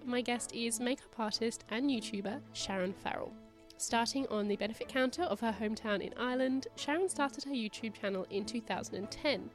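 A woman hosts a podcast and reads her introduction from a script. Her voice is nasal and a little worn from a cold. Faint music plays behind her. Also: fairly high pitch. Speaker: podcast host.

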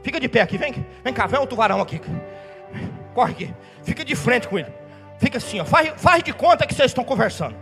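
Fiery male pastor, high voice, quick delivery, long reverb in the hall. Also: sing-song. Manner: fiery storytelling preacher, shouting at peaks. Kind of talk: sermon. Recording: reverberant hall with faint music.

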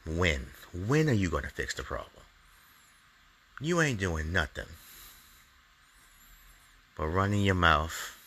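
A man's voice: sits low, lively intonation, slow, pauses often, pushed and bright. A man hosting his own show, delivering an angry, profane opinion monologue in a heated, ranting way. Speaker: comedian podcast host.

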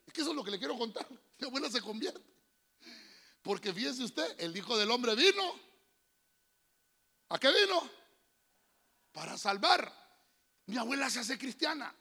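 A man preaching as a pastor with a Honduran accent, telling folksy family stories and calling the listener "hermano", building to shouted preaching. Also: sits high, creaky. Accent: Honduran Spanish. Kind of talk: sermon with personal anecdotes. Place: church.

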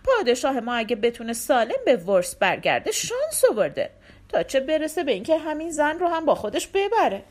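A woman's voice: high-pitched, very animated. Skeptical one-eyed storybook warrior, grumbling and muttering, read by a woman.

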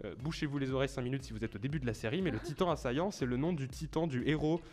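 A man's voice: medium pitch, racing, darkish tone. A man hosting a casual quiz among friends, explaining answers at length with mock-formal asides. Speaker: quiz host.

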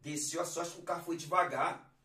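A man's voice: fairly high pitch, fairly even intonation, a little fast, bright, forceful tone. A man from Brazil, a guest singer-songwriter, telling stories in laid-back slang in a podcast chat. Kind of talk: podcast chat with live singing. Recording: roomy, mic at a distance, guitar behind.

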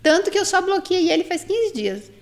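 A woman's voice: very high voice, moderate pace. A Brazilian woman in her forties, a guest in an interview, telling a personal story candidly and with animation, acting out what others said. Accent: Brazilian Portuguese. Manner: animated, quotes others' words in voices.

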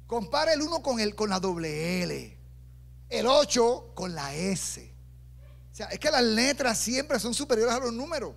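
A man with a strikingly high voice preaches a lively sermon. He slips into voices for the people in his story and drops joking asides to the congregation. He sounds middle-aged and speaks with the easy rhythm of a seasoned pastor. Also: unhurried, creaky. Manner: animated preaching, acting out quoted voices with humorous asides.

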